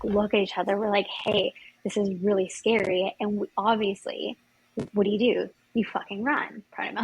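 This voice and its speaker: A woman's voice: medium pitch, creaky, slight background noise, poor audio. A woman from Ontario, Canada, a podcast guest telling a story in a rambling, casual way, full of "like". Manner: rambling, fills speech with "like". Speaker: podcast guest, former yacht chief stew.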